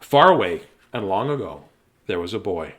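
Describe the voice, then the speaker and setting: His voice is fairly low with big pitch swings and a moderate pace. The middle-aged man hosts a relaxed livestream, chatting and reading kids' bedtime stories in a goofy, meandering, self-mocking style.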